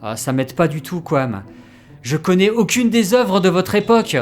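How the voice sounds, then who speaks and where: A man plays a naive, excitable new recruit who travels through time in a French audio comedy, stammering and flustered. His high-pitched voice moves at a moderate pace with a doubtful mood, over soft background music.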